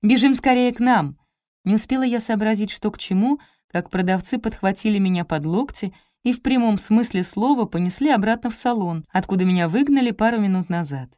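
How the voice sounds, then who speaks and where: A woman narrating a comic detective audiobook in the first person, lively and expressive, on a close studio mic. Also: medium pitch, a little fast, few pauses, no echo.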